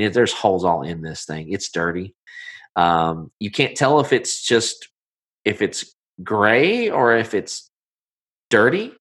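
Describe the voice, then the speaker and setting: Low-voiced man narrating, halting and informal. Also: a bit bright. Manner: informal, halting, folksy "y'all". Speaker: game master. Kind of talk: improvised tabletop game narration.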